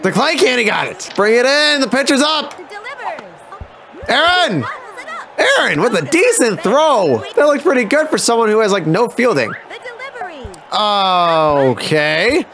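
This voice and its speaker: A man calls his baseball video game live, his voice sitting very high and leaping up and down as he yells and curses at his fielders. He talks at a slow, drawn-out pace between outbursts. Game music plays clearly behind him. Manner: excitable, swears and yells at the players. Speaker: gaming YouTuber. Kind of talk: live gameplay commentary.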